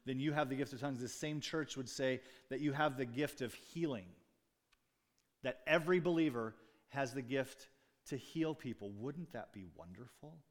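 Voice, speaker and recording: A pastor preaches a sermon to his congregation in a mid-range voice at normal speed, talking conversationally with asides and jokes. He speaks off the cuff, with restarts and fillers.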